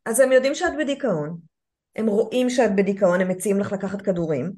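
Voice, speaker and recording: A woman's voice: medium pitch, dark tone. A woman hosting an interview, reflecting back and summing up what her guest says. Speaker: podcast host. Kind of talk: supportive interview.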